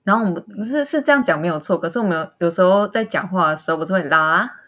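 Female co-host with a Taiwanese Mandarin accent, lowish voice, calm and patient explainer in casual chat. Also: fast talker. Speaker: podcast co-host.

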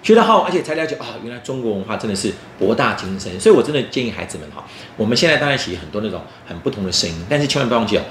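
Fast, animated Taiwanese-accented man teaching young children. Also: on the low side. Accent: Taiwanese Mandarin. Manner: playful teaching as if to young children, with check questions and demonstrations. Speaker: children's story show host. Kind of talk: lively book talk for children. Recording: roomy echo, faint background noise.

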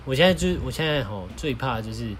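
A man's voice: medium pitch, animated, quick pace, background noise. A man co-hosting a podcast, telling stories in a joking, boastful way. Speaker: podcast co-host. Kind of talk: casual chat.

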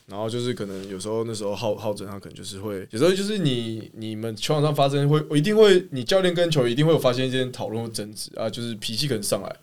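A man co-hosting a casual chat, telling lively stories about his old coach. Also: rapid-fire, hardly any pauses. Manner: animated storyteller, mimics coach in high voice. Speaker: podcast co-host.

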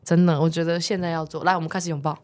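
A woman co-hosting a podcast in casual chat, animated and acting out quoted dialogue. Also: deep voice, very fast. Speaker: podcast co-host.

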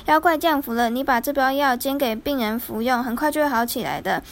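A woman's voice: sits high, fairly quick. A woman voicing an earnest, timid young scholar-healer in a storybook reading.

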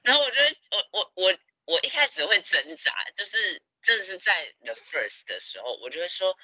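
A young man, telling stories in a casual podcast chat, animated and laughing often. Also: high-pitched, moderate pace, no echo, dull audio. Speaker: podcast co-host.

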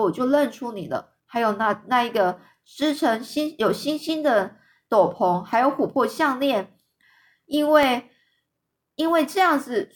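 A pleading, tearful old beggar mother from a children's storybook, as a woman reader puts her on. Her voice sits high and lifts a little louder than the telling around it.

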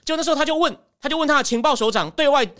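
A woman giving emphatic, animated political commentary as a podcast host. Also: high-pitched, very fast. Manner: animated, emphatic, acts out quotes.

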